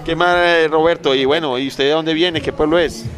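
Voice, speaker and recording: A man's voice: a little high, fairly even intonation, moderate pace. A man hosting a comedy interview, teasing and laughing, on an outdoor balcony. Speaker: comedy show host. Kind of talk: comic interview.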